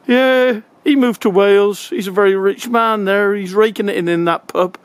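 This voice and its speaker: A man's voice: high voice, smooth, no echo. An older man with a Wiltshire accent telling a humorous anecdote in a folksy, colloquial, casual way. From Wiltshire, England. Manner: folksy, chuckling, colloquial rural turns of phrase. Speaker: comic storyteller.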